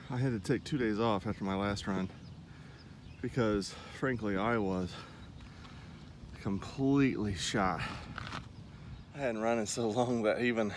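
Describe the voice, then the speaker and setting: Male, 40s, low voice, casual rambling vlogger pacing outside, with ambient noise behind him. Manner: rambling, self-deprecating, talking while pacing around. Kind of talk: casual running vlog chat to camera. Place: outdoors in a park by a lake. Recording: clear outdoor ambient noise.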